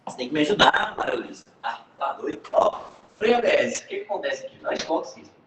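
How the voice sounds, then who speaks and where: A man teaching physics in an online class, lively and joking, speaking with a Brazilian Portuguese accent and calling students by name. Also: a little high, fast, echoey room, far from the mic, a little hiss or hum, poor audio.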